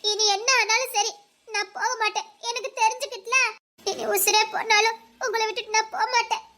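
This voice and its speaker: A woman's voice: very high voice, flat delivery, fairly quick, bright, forceful tone. A woman playing a devoted young woman who tearfully pleads with her lover not to send her away. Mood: earnest devoted.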